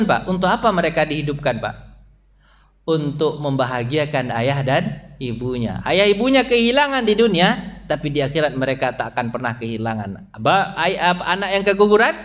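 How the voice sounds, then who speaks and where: A high-voiced man preaching to a mosque congregation, with an Indonesian accent and Malay-style phrasing. He keeps turning to the listeners with quick questions and acts out small sounds and voices. His delivery swings between loud, lifted peaks and low, quiet asides. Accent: Indonesian with Malay-style colloquialisms. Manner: asks the congregation frequent questions, addressing them as "Pak". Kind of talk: mosque dawn study sermon. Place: mosque hall.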